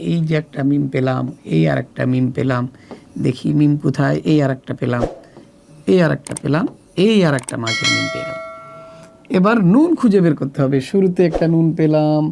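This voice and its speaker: Patient gravelly man teaching Arabic words. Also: on the high side, dark tone. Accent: Bangladeshi Bengali. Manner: patient, drawn-out word-by-word pronunciation. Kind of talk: slow recorded lesson walkthrough.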